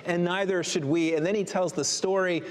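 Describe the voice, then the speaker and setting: A man's voice: high-pitched, steady tone, moderate pace. A man preaching a sermon as pastor, earnest with rising emphatic exhortations. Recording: long hall reverb.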